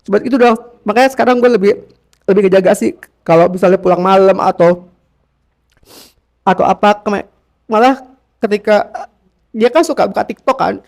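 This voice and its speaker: High-voiced guy from jakarta with a creaky gravelly edge, slangy casual confessional interview talk, keeps repeating himself. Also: moderate pace, pauses often. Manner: rambling, repeats phrases, emotional; slangy informal speech. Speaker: interview guest.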